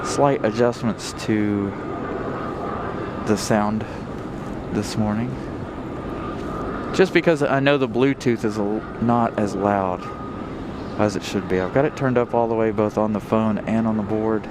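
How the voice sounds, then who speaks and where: A man's voice: lowish voice, measured pace. A man talking through a full face mask, chatting casually and rambling a bit as he hosts a live plane spotting stream outdoors on a windy day. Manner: relaxed, chatty, rambling with fillers.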